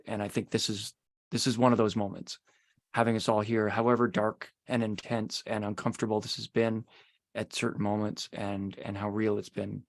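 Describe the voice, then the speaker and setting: A writer speaking a thoughtful, hesitant tribute over a video call. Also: male voice, on the low side, dry recording. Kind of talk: spoken tribute.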